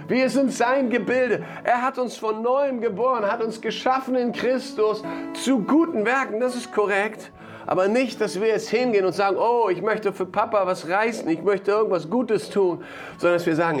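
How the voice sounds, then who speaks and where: High-voiced preacher over soft guitar. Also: male voice. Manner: emphatic, repeats key phrases, laughs between lines. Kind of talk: sermon.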